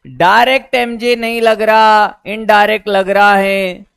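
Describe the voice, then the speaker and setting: Guy teaching physics, kinda high voice, keeps asking the class questions over and over. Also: fairly even intonation, measured pace, creaky, fairly bright tone, smooth, no echo. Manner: repeats questions to students, calls them beta. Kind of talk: classroom lecture.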